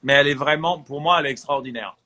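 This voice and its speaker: A man from France, an actor, chatting as an interview guest and giving lively advice. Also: on the high side, fast talker, background noise. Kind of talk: casual interview chat.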